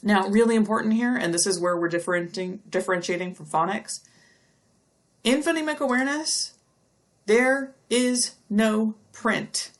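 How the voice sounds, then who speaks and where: A middle-aged woman, a university lecturer with a mid-range voice, gives a recorded lecture, explaining step by step and drawing out speech sounds slowly to demonstrate them.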